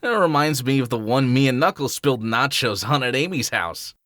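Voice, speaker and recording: Man as bright, bouncy Sonic the Hedgehog. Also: mid-range voice, lively intonation, fairly quick, no echo, studio quality, close to an everyday voice. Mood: cheerful. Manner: breezy, peppy, exclaiming. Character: cocky, upbeat teen hedgehog hero, friendly, slangy. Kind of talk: audio drama voice acting.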